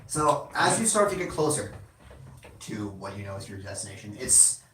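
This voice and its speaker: A man with a fairly low but bright, forward voice narrates a tabletop game, circling back with fillers as he goes. The mic sits some distance away in a reverberant room, with a faint hiss underneath. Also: sing-song, normal speed. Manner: meandering, many fillers and restarts. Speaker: game master.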